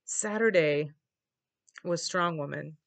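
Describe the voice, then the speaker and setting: Weary woman with a lowish voice. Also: takes it slowly, creaky. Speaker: vlogger. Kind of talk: casual confessional vlog talk. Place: small wood-paneled room indoors.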